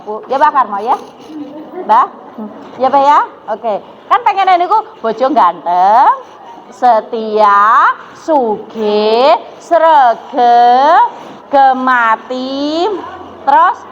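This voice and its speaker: A woman with a Javanese accent giving a religious lecture to women, telling stories and asking the audience questions. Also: sits high. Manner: storytelling, asks the audience questions, mixes in Javanese. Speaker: preacher. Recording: dull echoey hall recording with faint noise.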